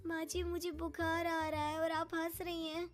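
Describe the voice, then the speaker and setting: A woman voicing an upset young daughter-in-law in an animated story, complaining indignantly. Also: very high-pitched, moderate pace, music in the background, voice pushed up.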